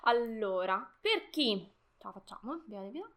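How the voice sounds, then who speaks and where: A woman's voice: a little high, sing-song, measured pace, fairly bright tone. A young woman hosting a live stream, chatting casually with viewers, greeting them by name and laughing often.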